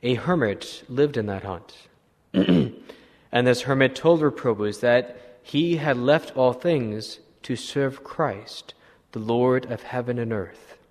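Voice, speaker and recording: Slow priest preaching in a reverberant hall. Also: male voice, medium pitch, animated. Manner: slow, measured retelling with clearing of throat. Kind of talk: sermon storytelling.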